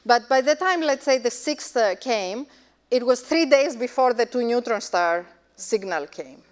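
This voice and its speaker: A woman speaking as a scientist on a panel, telling an anecdote in an animated way and acting out what she once thought. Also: a little high, measured pace. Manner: animated, acts out her past reactions. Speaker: panelist, astrophysicist. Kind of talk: panel discussion, casual storytelling.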